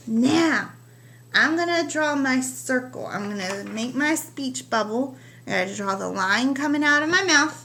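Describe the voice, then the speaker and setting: A woman teacher giving a writing lesson to young children, slowly stretching out the sounds of words. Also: medium pitch, pushed and bright, slight background noise.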